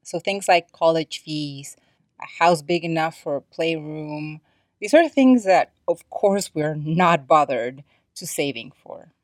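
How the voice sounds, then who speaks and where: A woman hosts a podcast solo, speaking in a conversational, explanatory and opinionated way. Her low voice is animated yet slow-paced, captured in a dry, studio-quality recording.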